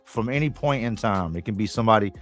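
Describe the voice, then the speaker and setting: Low-voiced man posing playful questions. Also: animated, fast talker, faint music behind. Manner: playful, asks what-if questions. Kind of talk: casual chat.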